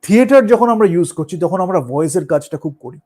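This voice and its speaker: A man with a Bengali accent, a musician and performer, talking in a casual, thoughtful way, slipping English phrases into his speech and pausing with fillers. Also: high voice, animated, warm tone. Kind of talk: casual talk on art and performance.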